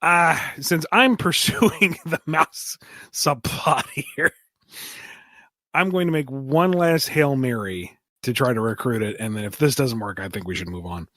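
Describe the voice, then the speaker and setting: A man's voice: medium pitch, measured pace, sharp tone, dry recording, clean studio sound. A man playing a text adventure who argues his plans in an earnest, persuasive way. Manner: earnest, persuasive, speaks in bursts. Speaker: player. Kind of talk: tabletop game banter.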